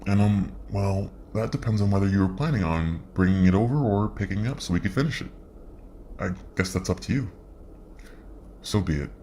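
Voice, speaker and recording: A man reading old chat logs aloud, speaking both sides of the conversation and even the emoticons and typed actions, in a quiet, even way. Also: on the low side, brisk, a little hiss or hum. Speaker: reader.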